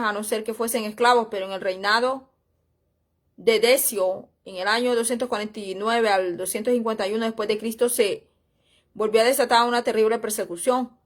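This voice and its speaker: High-voiced woman teaching. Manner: chatty and rambling, often calls the listeners brothers and sisters. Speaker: Bible teacher. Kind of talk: informal church history lesson, reading aloud and commenting.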